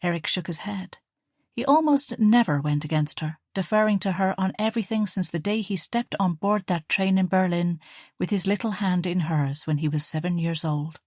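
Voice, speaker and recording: A woman narrating a historical novel audiobook in a calm, measured way. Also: fairly low pitch, no echo, clean studio sound. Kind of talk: scripted narration.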